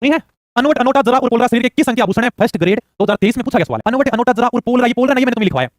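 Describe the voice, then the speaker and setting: A man runs through exam questions at breakneck speed. His voice sits high and he keeps pushing students to answer quickly. The recording is dry and close. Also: lively intonation, no room sound. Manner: rapid-fire, urging answers fast. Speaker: exam coaching teacher. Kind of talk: rapid quiz-style lesson.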